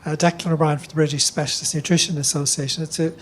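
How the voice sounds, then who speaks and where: A man's voice: fairly high pitch, flat delivery, fast. A man in the audience politely asking the panel a question. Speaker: audience member. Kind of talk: question from the floor.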